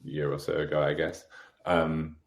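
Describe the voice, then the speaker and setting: Deep-voiced podcast host in a roomy space. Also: male voice, flat delivery, moderate pace, creaky. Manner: friendly, enthusiastic. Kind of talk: casual podcast interview. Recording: roomy echo.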